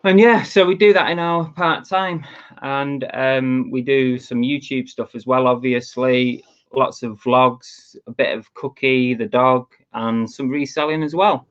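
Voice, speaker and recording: A man's voice: mid-range voice, steady tone, unhurried, a bit bright, smooth. A man from England co-hosting a casual live stream, chatty and teasing with many ums. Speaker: co-host. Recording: dull lo-fi stream audio.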